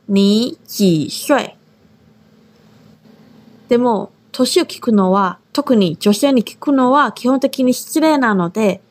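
A woman from Taiwan teaching a language lesson, modelling pronunciation slowly and carefully. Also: medium pitch. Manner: slow, drawn-out model pronunciation.

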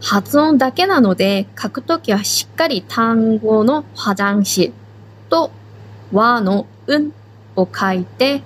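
A woman teaching a language on a podcast, explaining grammar slowly and step by step. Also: on the high side, animated, breathy edge, low-quality recording. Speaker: Korean language instructor. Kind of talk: slow, patient language lesson.

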